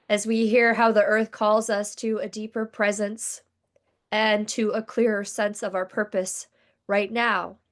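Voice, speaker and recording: A hoarse woman giving the opening words of a sermon over a video call, in a gentle, measured reading voice. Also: mid-range voice. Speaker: guest speaker.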